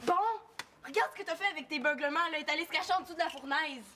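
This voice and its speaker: A very high, bossy voice scolds with a clear Québécois accent: a woman playing a fussy young woman who dotes on her pet lab mouse. She snaps orders in a TV family comedy, with a faint hiss behind her. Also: racing, natural voice. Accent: Québécois French. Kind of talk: scripted TV series acting.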